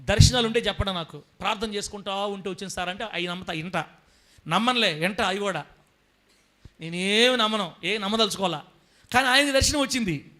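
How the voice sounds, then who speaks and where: A fervent pastor, preaching with a high, bright voice. He keeps calling out to the congregation for amens. His delivery is forceful, and he rises into shouts. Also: brisk. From southern India. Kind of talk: sermon.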